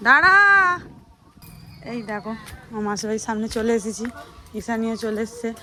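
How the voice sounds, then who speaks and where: A young woman vlogs into her phone in a high, bright voice, chatting and laughing with her family as she talks to viewers. There is a faint hiss of background noise behind her. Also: steady tone, normal speed. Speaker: vlogger and mother. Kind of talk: casual vlog narration to viewers. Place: home and a relative's house, indoors.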